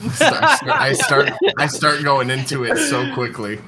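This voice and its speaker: A man playing in a tabletop game, joking and laughing often in casual role-play. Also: on the high side. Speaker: player.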